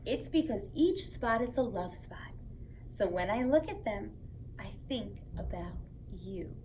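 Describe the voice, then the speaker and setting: At story time for young children, a woman reads aloud and chats with them in a playful, expressive manner. Her voice sits at a medium pitch and she never hurries, with a little noise in the background.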